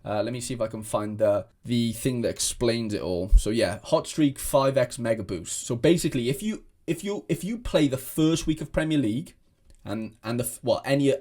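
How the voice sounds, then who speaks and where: A man's voice: mid-range voice, animated, moderate pace, darkish tone. Rambling young man. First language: Welsh. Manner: rambling, many restarts and fillers. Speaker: fantasy football content creator. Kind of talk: casual chat to camera.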